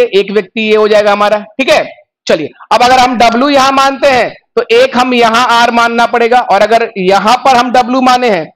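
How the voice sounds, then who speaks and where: A man teaching an online exam-prep reasoning lesson, explaining step by step and reading the clues aloud slowly. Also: very high voice, a bit bright. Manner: mixes Hindi with English words.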